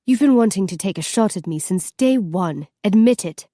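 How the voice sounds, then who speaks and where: A woman voicing a calm, taunting teenage faerie boy in an audiobook. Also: mid-range voice, normal speed, no room sound, clean studio sound, natural voice. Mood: smug. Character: teenage faerie boy Tamani, cool and smug.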